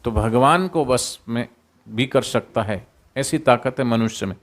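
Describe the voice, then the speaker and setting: A man telling a moral story to students in a sermon, animated, often quizzing the listeners and coaxing them to join in. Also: medium pitch, a little slow.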